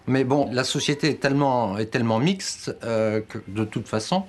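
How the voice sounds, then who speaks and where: A man interviewed as a parent, speaking haltingly with repeated words and pauses. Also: mid-range voice, slight background noise. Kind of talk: hesitant interview speech.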